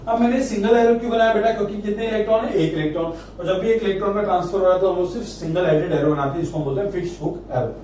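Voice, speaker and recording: A man's voice: sits high, very fast, hardly any pauses, darkish tone. A man teaching chemistry in speech, coaxing students and answering his own questions. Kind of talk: classroom lecture. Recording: echoey room, distant mic, faint noise.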